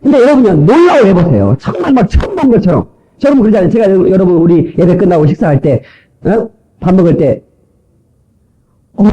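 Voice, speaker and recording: A male pastor delivers a sermon in a church with a joking, playful delivery. His voice sits high and moves all over its range. The tone stays dark and mellow rather than bright. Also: very animated, brisk, low-quality recording.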